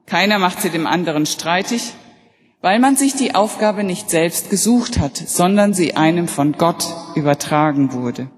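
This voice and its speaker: A woman pastor giving a sermon in a calm, deliberate way, slowing down on key sentences. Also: fairly low pitch. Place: church. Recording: long church reverb.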